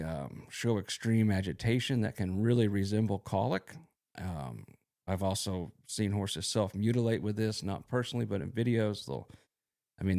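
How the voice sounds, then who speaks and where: Male horse vet, podcast explainer: low pitch, some fry, easygoing folksy delivery. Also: darkish tone. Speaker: equine veterinarian. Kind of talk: educational podcast talk.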